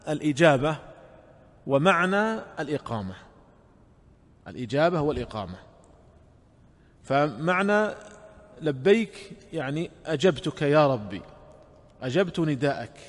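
A man giving a religious lesson, explaining each phrase slowly and repeating key words. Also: fairly high pitch, very animated. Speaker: Islamic scholar. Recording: long hall reverb.

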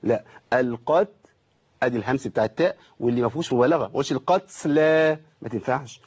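A middle-aged man with an Egyptian accent teaching Quran recitation online, correcting students and slowly demonstrating each sound. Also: medium pitch, a little mellow, slightly rough, highs cut off. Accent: Egyptian Arabic. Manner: corrective, demonstrates letters slowly and repeats them. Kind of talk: online tajweed lesson.

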